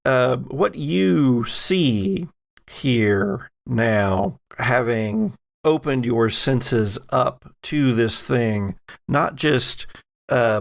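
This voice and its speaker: Acting as game master for a tabletop horror session, a gravelly-voiced man of medium pitch narrates with slow, dramatic deliberation. The audio is studio quality with no room sound.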